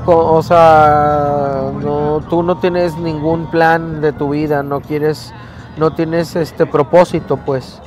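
A man's voice: a little high, flat delivery, slow pace, over music. A man with a Mexican accent, a street reporter asking friendly, coaxing questions. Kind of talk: street interview. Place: outdoors on a city street. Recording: outdoor street with crowd noise.

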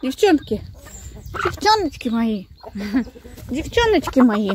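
Slow, soft-spoken village woman. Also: high-pitched, sing-song, background noise. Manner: unhurried, searching for words with many fillers; cooing affectionately to her hens. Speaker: village vlogger. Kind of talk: casual walk-and-talk vlog. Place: outdoors in a garden and chicken yard.

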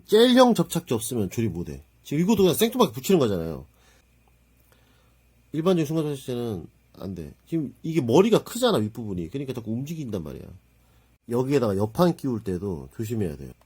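A man casually narrating as he assembles and shows off a plastic model kit, excitable and prone to exclaiming and muttering to himself while he handles the parts. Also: mid-range voice, fast, husky. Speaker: model kit builder reviewing his build. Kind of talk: casual hands-on hobby narration.

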